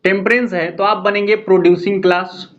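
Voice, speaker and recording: High-voiced male lecturer. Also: little pitch movement, a little fast, muffled recording. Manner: explanatory, repeats key terms, frequent "है ना?" check-ins. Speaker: teacher. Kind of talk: exam-prep lecture.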